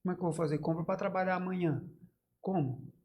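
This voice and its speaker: A man's voice: high-pitched, fairly even intonation, darkish tone. Emotional man. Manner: earnest, halting, with many restarts and quoted dialogue. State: voice catching with emotion. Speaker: podcast guest, bakery founder. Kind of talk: emotional personal storytelling in a podcast interview.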